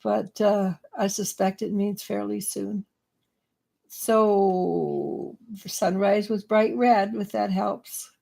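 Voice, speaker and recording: A woman's voice: medium pitch, fairly even intonation, slow pace, vocal fry, dark tone. A woman giving live tarot readings in a chatty way, laughing now and then. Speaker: psychic reader.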